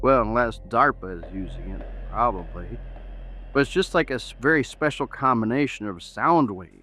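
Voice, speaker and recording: A man's voice: mid-range voice, animated, normal speed, bright, forceful tone. Man playing Donny, an eager conspiracy-buff farmer. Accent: Texan. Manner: eager, rambling, earnest.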